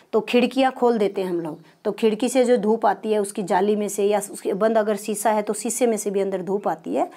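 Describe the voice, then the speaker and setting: A woman's voice: mid-range voice, mellow. A woman teaching a primary school lesson, patient and explanatory, asking questions and answering them herself. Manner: patient, asks and answers her own questions.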